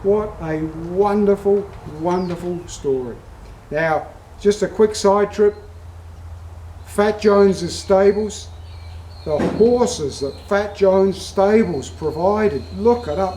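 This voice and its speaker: A man's voice: high voice, takes it slowly, dark tone, reverberant, a little hiss or hum, low-quality recording. An Australian man hosting a vlog, telling a story in a folksy, heartfelt way. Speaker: vlog host. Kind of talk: casual storytelling.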